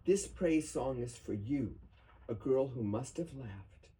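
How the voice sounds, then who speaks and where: A man giving a solemn poetry reading at a memorial, with deliberate, emphatic phrasing. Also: medium pitch, expressive, warm tone. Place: bookstore reading event before a small audience. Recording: noisy live room recording.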